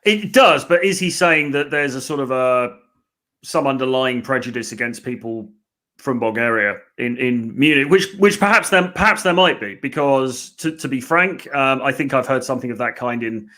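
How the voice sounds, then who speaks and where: A man's voice: mid-range voice, moderate pace, pushed and bright. A man, hosting a casual podcast and talking through a listener's question with many hedges. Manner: chatty, hedging, answers listener questions. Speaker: dating coach host.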